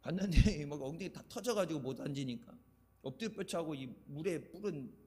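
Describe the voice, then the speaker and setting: High-voiced older pastor in echoey church. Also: male voice, expressive, fairly quick, a little mellow. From Chungcheong, Korea. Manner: chatty storytelling preaching, laughs at his own anecdotes. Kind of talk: sermon. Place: church sanctuary. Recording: echoey church hall reverb.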